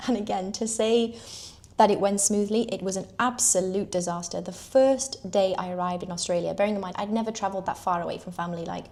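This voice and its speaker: Young british woman, casual storyteller, middle pitch, chatty and animated. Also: brisk. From United Kingdom. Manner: chatty, lots of "like", animated retelling. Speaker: equestrian telling her story. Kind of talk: personal storytelling.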